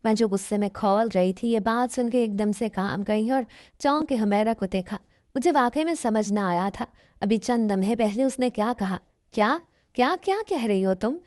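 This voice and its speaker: A woman's voice: mid-range voice, normal speed, dark tone, no room sound. A woman narrating a first-person moral story in an earnest, emotional way, close to the mic.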